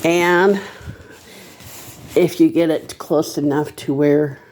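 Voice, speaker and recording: Nervous, slow, halting rambler. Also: mid-range voice, fairly even intonation, darkish tone, a little hiss or hum. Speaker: reseller making a first video. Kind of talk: casual vlog monologue.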